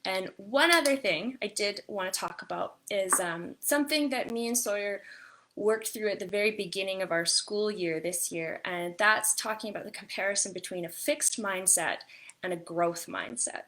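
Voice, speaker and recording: Bright-voiced woman giving casual parenting tips. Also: medium pitch, moderate pace. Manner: chatty, gentle, with frequent fillers and restarts. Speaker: parenting and wellness vlogger. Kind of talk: casual advice talk.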